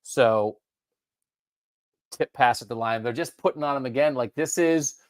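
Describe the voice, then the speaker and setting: A man co-hosting a casual sports talk show, animated and jumping up in pitch to stress points. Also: a little slow, no room sound, clean studio sound. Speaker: co-host.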